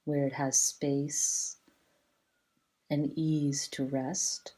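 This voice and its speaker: Speaking low and mellow in a level tone, a woman talks listeners through a yoga relaxation. Her pacing is soothing and measured, with short phrases set apart by long pauses.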